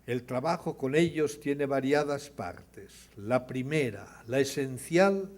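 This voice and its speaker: An older man tells stories from a podium, recounting them in a measured voice. When the characters speak, he raises his voice and his volume to act out their lines. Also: medium pitch, lively intonation. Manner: dramatizes dialogue with rising, louder voice. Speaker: speaker at an award ceremony. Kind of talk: storytelling speech.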